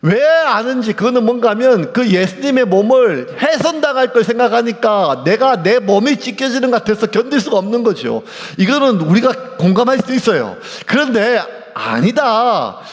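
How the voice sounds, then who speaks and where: A male pastor delivering an emotional sermon in a church, at times dropping to hushed, near-whispered lines. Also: very high voice, very animated, normal speed, few pauses. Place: church sanctuary. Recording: church hall reverb.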